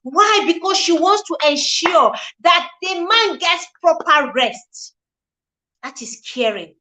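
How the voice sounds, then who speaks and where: Hosting a live relationship talk, a woman in her forties speaks earnestly with a bright, ringing, high voice. Expressive and slow, she preaches in repeated phrases and pauses to greet viewers by name.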